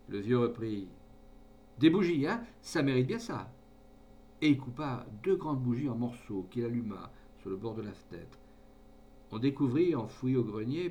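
A man narrating a classic short story in a measured, expressive reading voice. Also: medium pitch, a little hiss or hum. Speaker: audiobook narrator.

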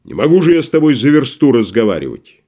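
A man's voice: medium pitch, big pitch swings, fast talker, mellow. A man doing a pompous tragic actor. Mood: indignant declaiming. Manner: grandiloquent, declaiming, theatrical. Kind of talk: audiobook play reading.

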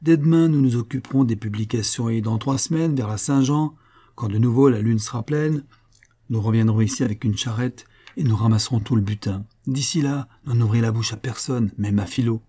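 A man voicing a sly, cheerful young male boatman who talks boldly and lively in a storybook reading. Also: medium pitch, a little fast, natural voice. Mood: confident.

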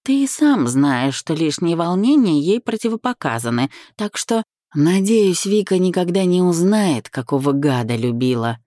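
A woman's voice: lowish voice, big pitch swings, normal speed, few pauses, mellow, no room sound, studio quality, pitched above the performer's own voice. A woman reading the lines of a cold, sarcastic young man who is the story's first-person hero, in an audiobook. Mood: cutting. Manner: sarcastic, cutting.

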